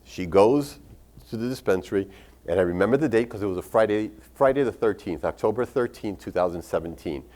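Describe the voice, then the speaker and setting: Blunt, low-voiced male doctor. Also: lively intonation, fairly quick, darkish tone. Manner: candid storytelling with casual profanity. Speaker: doctor recommending medical cannabis. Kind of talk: expo talk with patient stories.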